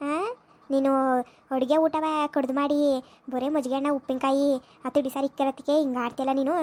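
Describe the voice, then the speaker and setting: A woman playing a sharp-tongued village mother who scolds her son with insults in a comedy skit. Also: sits high, lightly acted. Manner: scolding, shouting insults, rapid-fire.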